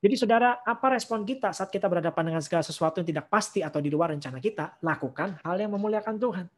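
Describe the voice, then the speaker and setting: A woman's voice: on the low side, rapid-fire. A woman giving a casual online sermon. She mixes in slang and English phrases and acts out the people in the story with playful voices. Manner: lively, acts out Bible figures in playful voices. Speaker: preacher.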